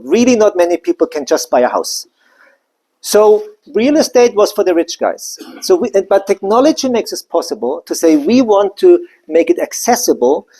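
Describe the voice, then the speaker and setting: A mellow, medium-pitched voice belongs to a company presenter from Germany. The live business presentation is informal and conversational, peppered with side comments.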